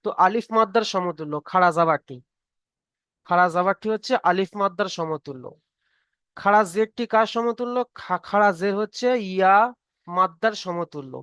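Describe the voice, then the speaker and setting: Male tutor, high and clear voice, close and dry sound, patient and repetitive. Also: moderate pace, fairly bright tone, no echo. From Bengal. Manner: patient, repeats each point and checks understanding. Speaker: Quran reading teacher. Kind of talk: online tutoring class.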